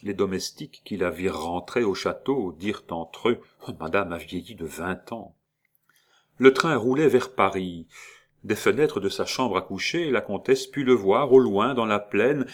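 Deep-voiced guy reading an old novel aloud, calm and measured. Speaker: narrator. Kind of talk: audiobook reading of a classic novel.

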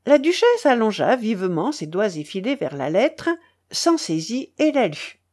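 A woman reading a classic story aloud as an audiobook, with measured, expressive storytelling. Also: fairly high pitch. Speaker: reader. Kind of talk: audiobook narration.

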